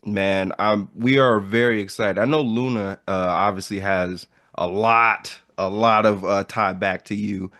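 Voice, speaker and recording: A man's voice: on the low side, steady tone, unhurried, hardly any pauses, a bit bright, no echo, studio quality. Hype-talking male podcast host. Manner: hype, upbeat intros with repeated phrases. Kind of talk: casual podcast chat.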